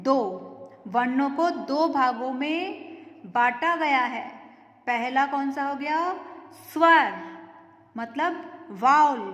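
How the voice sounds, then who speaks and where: A woman's voice: sits high, fairly bright tone, highs cut off. A woman teaching a grammar lesson to children, patiently asking questions and answering them herself, drawing out vowel sounds to demonstrate them. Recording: echoey room with long reverb.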